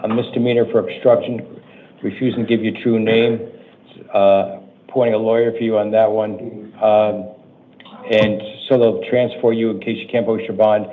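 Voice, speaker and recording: Flat, low-voiced male judge, muffled audio. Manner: matter-of-fact, halting, businesslike. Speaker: judge presiding over initial appearance hearings. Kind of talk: procedural court announcements read to defendants. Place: courtroom. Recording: muffled, noisy courtroom livestream audio.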